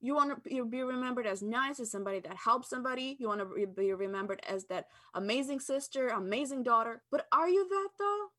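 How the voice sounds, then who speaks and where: A woman's voice: on the high side, a bit bright. A woman from Albania, a podcast guest, talking bluntly and candidly in casual interview chat. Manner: blunt, candid, talks fast and eagerly.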